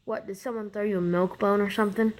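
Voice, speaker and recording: A woman's voice: mid-range voice, fairly even intonation, fast, a little mellow. A woman giving casual reaction commentary in a sceptical, mocking manner. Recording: noisy home recording with clicks.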